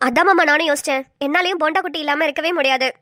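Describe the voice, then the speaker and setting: Woman voicing a very high, worried young wife. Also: very fast, pushed and bright, no room sound, studio quality. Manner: pleading, fretful.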